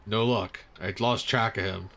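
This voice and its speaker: A man's voice: fairly low pitch, steady tone, unhurried, vocal fry, bright, forceful tone, voice pushed down, exaggerated voice. Man voicing a cool, dry American partner.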